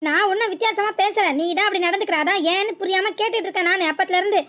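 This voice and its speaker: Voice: very high-pitched, steady tone, fast talker, bright, forceful tone. A performer voicing a blunt, exasperated village husband in a cartoon, with a southern Tamil Nadu accent and a scolding, lecturing manner. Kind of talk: cartoon voice acting.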